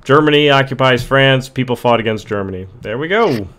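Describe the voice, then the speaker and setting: A man's voice: mid-range voice, a little fast, fairly bright tone. A man hosting a let's play, casually commenting and reading the game's text aloud with a chuckle. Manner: reads on-screen text aloud, chuckles, hums along. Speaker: gaming channel host.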